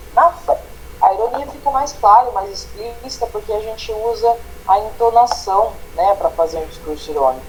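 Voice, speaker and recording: A man's voice: high-pitched, darkish tone, slight background noise, rough recording. A man with a Brazilian accent teaching an online grammar lesson, explaining step by step and checking in with the students often. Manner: explanatory, tags phrases with "né?" and "tá?".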